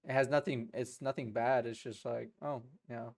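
A young man with a gravelly, fry-heavy voice talks in a flat, even way. He is laid-back in casual podcast chat and often restarts his sentences. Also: medium pitch, normal speed. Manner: laid-back, repeats words when starting. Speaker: podcast co-host.

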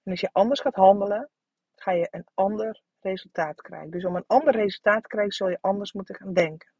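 A woman in her thirties hosts a frank solo podcast, coaching listeners while swearing casually and using lots of fillers and restarts. Her mid-range voice is fast, a little mellow, and slightly rough. The audio is dull with no echo.

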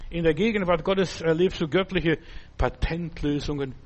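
A man's voice: a little high, normal speed. A man preaching a sermon, emphatic and repetitive, often turning to the listener to ask if they understand. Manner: addresses listener directly with "verstehst du?".

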